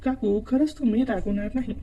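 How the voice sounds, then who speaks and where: A woman's voice: on the high side, brisk, mellow, lo-fi sound. A woman voicing a nervous, apologetic young man in a told story. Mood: timid.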